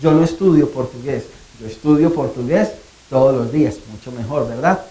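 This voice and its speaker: A woman teaching a language lesson, speaking clearly and deliberately and drawing out phrases to show question intonation. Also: extremely low pitch, dark tone, roomy sound, rough recording.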